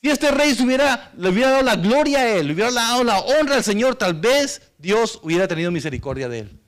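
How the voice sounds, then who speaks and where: A man's voice: very high voice, big pitch swings, fast talker. A man preaching a sermon, reading Bible verses aloud and explaining them to the congregation, whom he calls church. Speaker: pastor.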